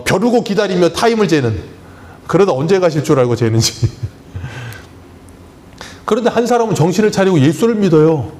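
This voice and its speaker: A man's voice: high voice, a little mellow. A man preaching a Sunday sermon as pastor, emphatic and full of rhetorical questions to the congregation. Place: church sanctuary.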